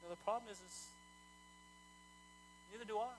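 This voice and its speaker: A male pastor preaching a sermon in a conversational, animated way, often repeating words as he talks. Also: high voice, normal speed, background noise.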